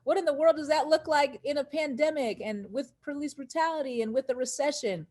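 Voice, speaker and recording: A woman's voice: sits high, brisk, a little mellow. Upbeat woman hosting a live stream. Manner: upbeat, addresses viewers directly. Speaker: host.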